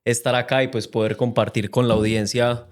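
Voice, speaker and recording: A man's voice: medium pitch, level tone, fairly quick. A young man with a Medellín Colombian accent, a podcast guest who talks about his life in an earnest, reflective way. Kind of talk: casual interview chat.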